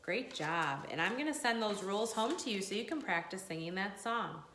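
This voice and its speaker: A woman teaching young children like a kids show host, encouraging and sing-song, pausing for them to answer. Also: medium pitch, lively intonation, fairly bright tone, reverberant, a little hiss or hum. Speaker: early grade school teacher leading a remote morning class. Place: indoors at a school.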